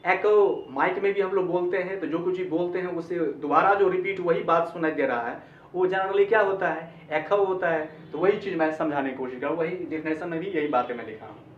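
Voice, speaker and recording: A man's voice: a little high, brisk, slight background noise. A man teaching an online English grammar lesson, explaining in Hindi, repeating phrases and checking with "ठीक है?". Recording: echoey, distant, dull-sounding recording.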